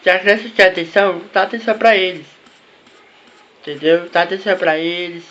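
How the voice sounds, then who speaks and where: High bright-voiced man, repetitive. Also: fairly even intonation, a little fast, muffled recording, slight background noise. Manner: repetitive, ends phrases with "né?" and "tá?". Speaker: vlogger giving advice to parents. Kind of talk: casual talk to camera.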